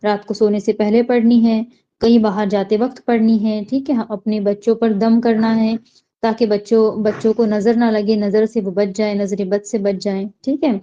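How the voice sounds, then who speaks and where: A woman teaching Quran recitation. She explains each sound patiently and chants the verses slowly. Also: mid-range voice, level tone, dark tone, highs cut off.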